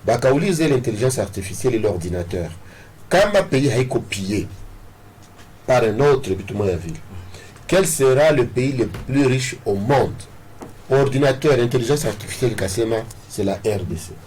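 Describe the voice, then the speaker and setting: A Congolese-accented man, interviewed as a political candidate, moves between Swahili and French with emphatic self-assurance, repeating phrases. His medium-pitched voice is expressive and a little mellow at a moderate pace. Background noise is clearly audible.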